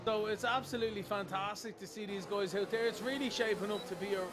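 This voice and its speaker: A man giving live racing commentary as an excitable motorsport commentator. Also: high voice, fast talker. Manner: motorsport commentator delivery, building excitement on moves.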